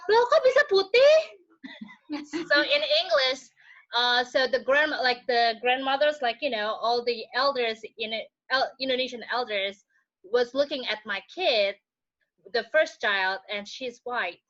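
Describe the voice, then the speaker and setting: A woman telling stories in a group video call, animated and mimicking other people's voices. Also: fairly high pitch, measured pace. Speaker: participant. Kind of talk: casual group discussion. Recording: dull lo-fi video call audio.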